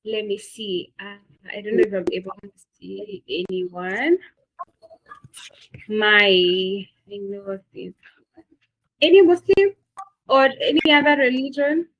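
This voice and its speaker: A woman with a Kenyan accent moderates the end of an online masterclass, giving closing remarks with enthusiasm, plenty of fillers, and repeated words. Her voice is medium in pitch and fairly bright, and she speaks slowly with frequent pauses. The audio is dull.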